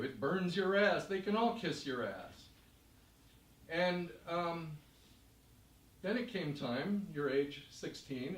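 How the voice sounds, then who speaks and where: Man, live storyteller, emphatic, slightly high voice, roomy echo, mic at a distance. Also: a little hiss or hum. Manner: vivid, emphatic second-person narration.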